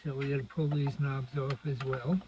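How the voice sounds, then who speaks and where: The host of a radio restoration channel murmurs casual, unscripted commentary through each step of a hands-on repair. His mid-range voice shows little pitch movement at a normal speed, a crowd sits in the background, and the dull lo-fi audio carries loud noise and clicks.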